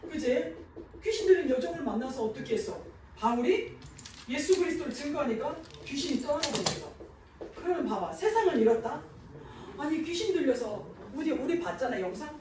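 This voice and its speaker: A woman pastor speaks to children in a church sanctuary, answering the questions she puts to them. Her voice is high-pitched with a darkish tone, and the far-off mic records an echoey hall with a little hiss or hum.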